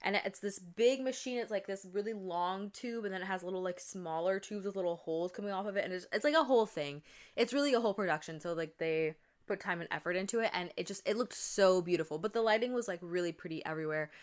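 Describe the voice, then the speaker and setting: A young woman talks fast in a mid-range voice while hosting a casual podcast. She's chatty and meandering, with lots of fillers and self-corrections, and sounds tired and a little blocked up.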